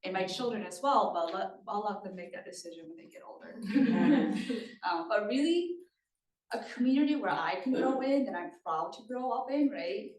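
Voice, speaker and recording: In a conversational presentation at a community meeting, a Thai woman speaks at a moderate pace in a fairly high, expressive, slightly mellow voice. She's engaging, checking in with listeners frequently, and the recording sounds roomy from a distant microphone.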